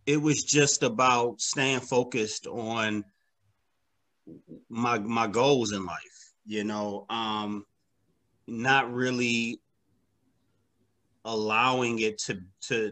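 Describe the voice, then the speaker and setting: A comic book creator guesting on an interview talks in a medium-pitched, steady, sharp-toned voice. The conversation is casual and full of slang; he hesitates, repeats himself, gropes through his sentences, and keeps saying "man" and "you know".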